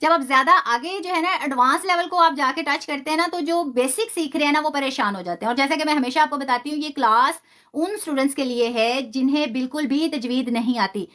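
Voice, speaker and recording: A woman with a high voice teaches a live online tajweed lesson. She repeats each term patiently and stretches out example sounds slowly. Her explanations are sprinkled with English words. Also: fairly bright tone.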